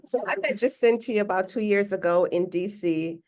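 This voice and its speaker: Speaking at normal speed with a medium-pitched voice, a woman hosts a podcast interview. Warm and encouraging, she talks about God's grace using religious phrasing.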